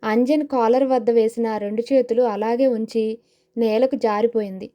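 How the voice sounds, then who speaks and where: Mellow-voiced woman narrating horror. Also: fairly high pitch, steady tone, moderate pace, muffled recording. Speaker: audio novel narrator.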